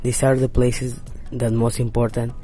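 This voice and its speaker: A man's voice: medium pitch, level tone, moderate pace, mellow, faint music behind. A man from Mexico, giving a hesitant class presentation full of restarts. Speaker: English learner.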